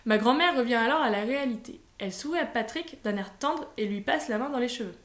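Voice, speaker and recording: A woman reading a children's story aloud in a lively, expressive way. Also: on the high side, fast. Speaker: audiobook reader. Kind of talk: scripted storybook narration. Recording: roomy echo.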